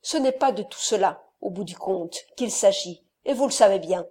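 A woman reading the part of a proud, sardonic nobleman in an audiobook, with clipped, forceful delivery. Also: mid-range voice, lively intonation, normal speed, close to an everyday voice. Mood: angry. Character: stern proud male count, sardonic and cold.

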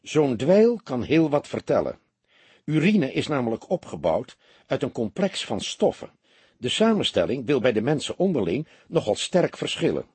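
A man's voice: medium pitch, big pitch swings, darkish tone, breathy edge, dry recording, voice pushed up. A man reading a gloomy, weary detective. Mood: measured. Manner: measured, explaining, gloomy. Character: weary, gloomy middle-aged police detective.

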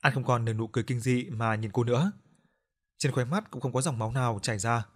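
A man narrating a horror audiobook in a steady, even reading. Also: mid-range voice, quick pace.

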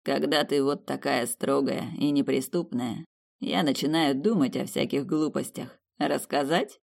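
A reader voicing a self-assured young prince who speaks calmly and teases with slow, mocking lines in an audiobook. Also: medium pitch, vocal fry. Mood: sly. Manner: calm, unhurried, mocking. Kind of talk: audiobook character reading.

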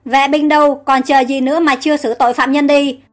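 A woman's voice: sits high, fairly even intonation, brisk, natural voice. A woman voicing an angry old king who barks stern orders. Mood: furious. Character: angry old male king, harsh and commanding.

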